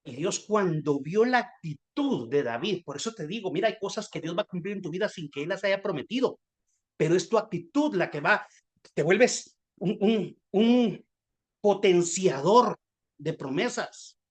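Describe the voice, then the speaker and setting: A Guatemalan-accented preacher delivers a sermon as lively storytelling. He mixes humor with fervent preaching. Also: high-pitched, normal speed.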